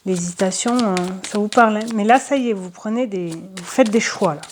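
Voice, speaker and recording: A woman doing a casual card reading for her viewers, chatty and hesitant, with many fillers and soft asides. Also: medium pitch, brisk, slight background noise. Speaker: tarot and oracle card reader.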